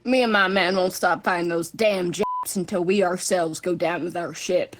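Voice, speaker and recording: Navy soldier played by a woman, low-pitched, folksy and earnest, testifying gravely on a 1940s wartime radio broadcast. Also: fairly even intonation, moderate pace, lightly acted. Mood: grave, resolute. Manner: folksy, earnest, polite military address. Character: grave, devout, patriotic World War Two navy soldier.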